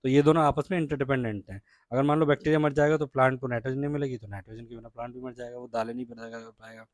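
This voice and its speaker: A man with an Indian accent teaches children a science lesson, reading English lines slowly and then explaining them in Hindi while often checking in with "ठीक है?". His voice is medium-pitched with fairly even intonation and a darkish tone, in a dry recording.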